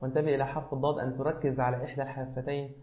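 A man's voice: medium pitch, flat delivery, very fast. Man coaching recitation, patient, repeats sounds, dull echoey audio. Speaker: Quran recitation teacher. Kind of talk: correcting recitation pronunciation.

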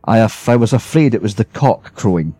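A man's voice: on the low side, expressive, a little fast, dark tone, slightly rough, no room sound, faint music behind. A man reading a story aloud, voicing a weary, grumbling male ghost who is sociable but bitter. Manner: grumbling complaints, then friendly.

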